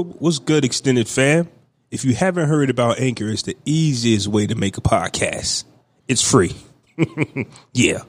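A man in his thirties hosting a podcast in casual, slangy, playful talk with hype greetings. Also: medium pitch. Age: 30s. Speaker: podcast host. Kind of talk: casual chat.

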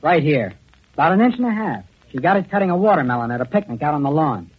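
A guarded chauffeur from a 1940s radio drama, plainspoken and curt. His raspy voice sits a little high and moves freely. The old recording sounds dull. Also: big pitch swings, fast talker.

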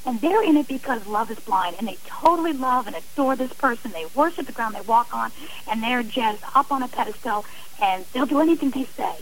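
On poor audio with a little hiss or hum, a middle-aged woman speaks fairly quickly in an expressive, slightly high voice. She's an author and abuse survivor on a radio interview, sharing her personal story in an earnest, emphatic, conversational way.

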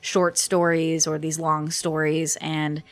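Young woman, low voice, dry mic. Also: level tone, takes it slowly, no room sound. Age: young adult. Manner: chatty, laughs often, rambling restarts. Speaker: podcast guest, voice actor. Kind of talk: casual podcast interview.

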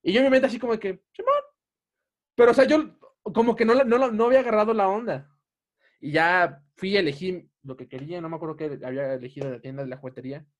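A man's voice: sits high, fast talker. A young man with a Mexican Spanish accent, telling a story in a casual podcast chat and laughing often.

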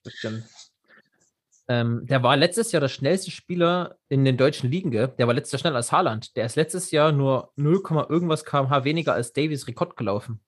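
A man co-hosting a casual football podcast, excitable, swearing casually and restarting his sentences often. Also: medium pitch, brisk. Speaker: podcast co-host.

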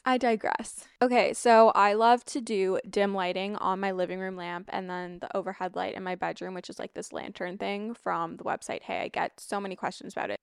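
A young adult woman with vocal fry and a slight rasp, chatting casually through a lifestyle routine with informal asides. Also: mid-range voice, no echo, studio quality. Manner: informal, frequent asides and digressions. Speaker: lifestyle vlogger. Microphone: close microphone, wearing wired headphones.

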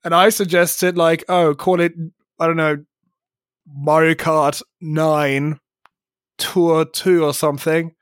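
A man's voice: fairly high pitch, flat delivery, slow, clean tone. A man co-hosting a podcast, chatting casually in a blunt, sarcastic way. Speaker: podcast co-host. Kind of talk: casual chat.

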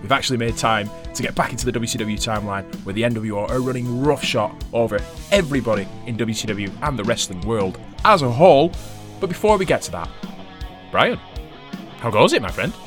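A man's voice: mid-range voice, animated, a little fast, over music. A man co-hosting a podcast in casual chat, laughing often and swearing. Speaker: podcast co-host.

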